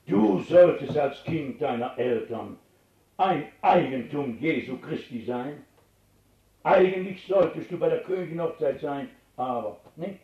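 A man's voice: fairly high pitch, unhurried. A man preaching a sermon as pastor, telling stories and speaking straight to his congregation. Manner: animated storytelling preacher, addressing the congregation directly. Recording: roomy, distant, dull old recording.

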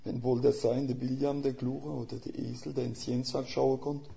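A guest preacher who is a missionary, an older man, delivers a sermon in thick Swiss German at a moderate pace. His gravelly, mellow mid-range voice stays level as he uses plain, folksy language, homely images and rhetorical questions, captured in a somewhat dull lo-fi recording.

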